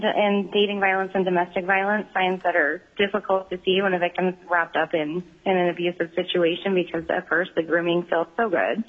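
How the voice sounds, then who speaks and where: A woman giving earnest, measured public testimony by phone, with frequent ums, her voice on a crackly line that keeps fading in and out. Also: lowish voice. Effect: crackly phone line that fades in and out. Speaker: member of the public testifying at a hearing. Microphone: phone call-in.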